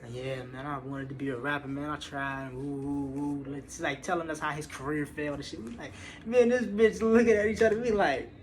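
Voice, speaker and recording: A young American man with a slightly high voice talks briskly with few pauses, telling a personal story online in a loose, slangy way. He curses a lot and dramatizes what people said, while noticeable noise fills the background.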